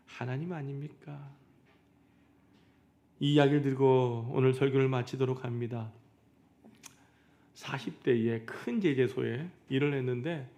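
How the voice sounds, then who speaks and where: A man's voice: medium pitch, darkish tone. A male pastor preaching a Sunday sermon, telling a story to his congregation and acting out the quoted dialogue. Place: church sanctuary.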